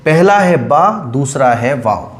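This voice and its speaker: A man teaching Quranic letter reading in a patient, repetitive way, drawing syllables out slowly when he demonstrates them. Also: medium pitch, expressive, reverberant. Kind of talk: online recitation lesson.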